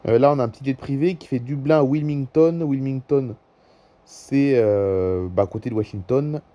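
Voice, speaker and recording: Presenting a flight-tracking app, a male YouTuber with a French accent talks off the cuff in a warm, medium-pitched voice at a moderate pace. He often says things twice and keeps telling viewers to take a look.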